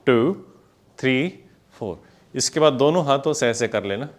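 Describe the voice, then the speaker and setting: A man teaching an online dance class, talking through the steps slowly and calling out the counts over the music. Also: medium pitch. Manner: explains steps slowly, chatty asides. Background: music playing.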